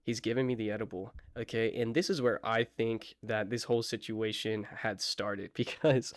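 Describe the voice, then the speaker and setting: A man's voice: on the low side, steady tone, normal speed, no room sound, studio quality. A young man telling a casual storytime vlog in a slangy, laid-back way with apologetic asides. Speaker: vlogger.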